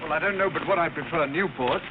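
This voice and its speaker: Thin, tinny old film sound carries a man acting a snobbish society gentleman. He is flippant and quick in screwball comedy banter, with a lightish, animated voice. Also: on the high side, noisy background, natural voice. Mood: flippant, skeptical.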